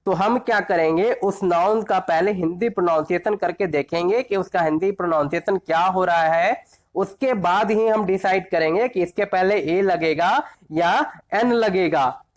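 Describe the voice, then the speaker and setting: A man teaching a grammar lesson. He keeps asking quick questions and answering them himself, often checks that the listener is following, and reads example phrases slowly. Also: high-pitched. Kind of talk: classroom-style grammar lesson.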